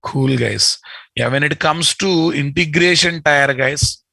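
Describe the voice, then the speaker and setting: Slow and gravelly yet pushed and bright, a slightly high voice comes from a middle-aged software instructor with an Indian Telugu accent. He teaches an informal live online lesson on a video call in an indoor room, repeating himself and addressing learners familiarly, with no room sound.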